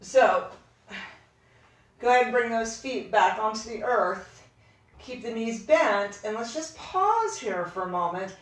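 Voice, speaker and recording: Careful, unhurried woman teaching yoga, very echoey. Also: a little high, lively intonation. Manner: careful, unhurried, gentle step-by-step cueing; informal, encouraging. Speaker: yoga instructor. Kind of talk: guided yoga class instruction. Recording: very echoey room, distant microphone.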